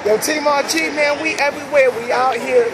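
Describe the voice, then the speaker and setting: A man's voice: very high-pitched, steady tone, moderate pace. A man in his thirties with a New York accent, from the Bronx, hosting a casual vlog in upbeat street slang, filming himself on a phone at night on a city sidewalk under an elevated train. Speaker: vlogger host. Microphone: phone camera at arm's length. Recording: loud passing train noise outdoors.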